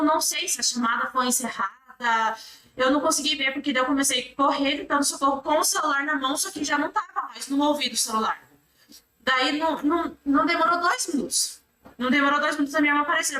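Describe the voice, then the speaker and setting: A Brazilian woman testifying in court, her voice high and bright as she rushes through a long rambling account. She ties her clauses together with the same fillers over and over. The recording sounds echoey, picked up from a distance in a courtroom. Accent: Brazilian Portuguese. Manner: rambling retelling, strings clauses with repeated fillers. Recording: echoey room, mic at a distance.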